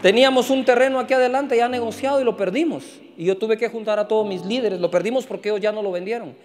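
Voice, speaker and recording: A man, a pastor, telling a personal story in a sermon, animated and acting out the dialogue with sudden jumps in pitch. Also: fast talker, in a large hall, soft background music.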